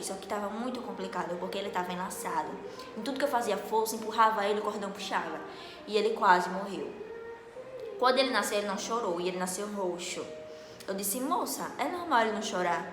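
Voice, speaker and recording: A young woman, casually telling a story to camera in an animated, dramatic way. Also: on the high side, slight background noise. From Northeast Brazil. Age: late teens. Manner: animated, dramatic, acts out dialogue loudly. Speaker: vlogger. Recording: echoey room with long reverb.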